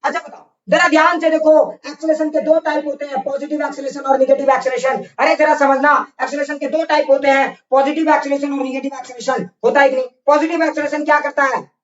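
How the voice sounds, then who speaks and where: A man's voice: extremely high pitch, flat delivery, quick pace, few pauses. A male physics teacher runs an online class, repeating each point and firing "got it?" questions. He scolds and coaxes his students in turn. His voice sounds far from the mic in a roomy space, with dull, lo-fi audio. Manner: scolding, repetitive drilling with constant check questions. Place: online class over internet.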